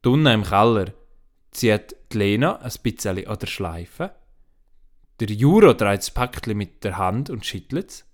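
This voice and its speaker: Expressive storyteller man. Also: on the low side, a little slow. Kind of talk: reading a children's story aloud.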